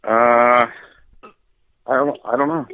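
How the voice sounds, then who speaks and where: A man's voice: mid-range voice, fairly even intonation, takes it slowly. Man chatting over a thin phone line. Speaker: podcast guest on a call. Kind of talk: casual profane chat.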